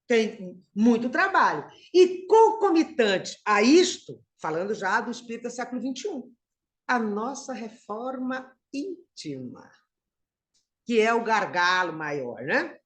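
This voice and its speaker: A woman's voice: on the high side, very animated, slow. A middle-aged woman from Brazil giving a conversational spiritist lecture, calling her listeners brothers and sisters.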